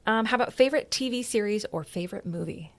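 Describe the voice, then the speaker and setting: A woman's voice: mid-range voice, fast. A woman hosting a podcast, asking a guest casual questions with upbeat, enthusiastic reactions. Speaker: podcast host. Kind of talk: casual interview chat.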